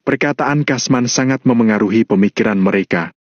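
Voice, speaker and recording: Male audiobook narrator, mid pitch, lo-fi close recording. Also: a little fast, no echo. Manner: raises pitch sharply for dialogue. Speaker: novel narrator. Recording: dull dry lo-fi sound.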